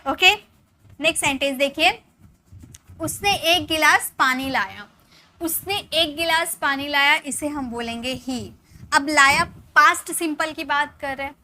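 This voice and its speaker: A woman, a native Hindi speaker, teaching English online, explaining in Hindi mixed with English and slowly drawing out each example sentence. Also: high voice, sharp tone. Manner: slow, drawn-out dictation of example sentences. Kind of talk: online spoken English lesson.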